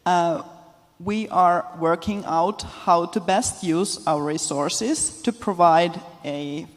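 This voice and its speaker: Man, somewhat high voice, businesslike pitch, reverberant hall. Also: takes it slowly. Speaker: conference presenter. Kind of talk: short poster pitch. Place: conference hall. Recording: echoey lecture hall.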